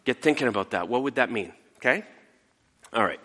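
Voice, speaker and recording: A male pastor giving a casual sermon, retelling a story in an animated way. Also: medium pitch, a little fast, long reverb tail. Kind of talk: conversational sermon.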